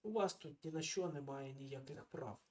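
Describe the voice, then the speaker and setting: A man's voice: a little high, moderate pace, darkish tone, recorded from a distance, close to an everyday voice. A man voicing an angry male office manager who gives curt commands in an audiobook. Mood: indignant.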